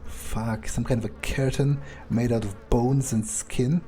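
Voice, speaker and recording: Medium in pitch and dark in tone, a man's steady voice moves a little slowly as he plays a video game and comments in character. He is the player and host, musing aloud hesitantly with dry understatement and casual swearing.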